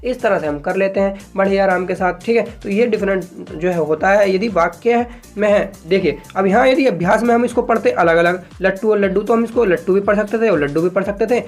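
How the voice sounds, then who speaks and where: A male teacher explains shorthand in a relaxed video lesson. He talks patiently and conversationally, slowing down to repeat example sentences word by word. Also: high-pitched, faint music behind. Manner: addresses viewers as friends, frequent "ठीक है".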